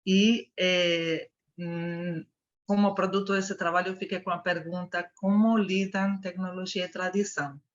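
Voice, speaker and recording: A woman's voice: lowish voice, little pitch movement, a little slow. A woman in her fifties from Argentina, giving a thoughtful comment in an online discussion and searching for her words. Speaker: meeting participant. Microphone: video call. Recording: muffled video call audio.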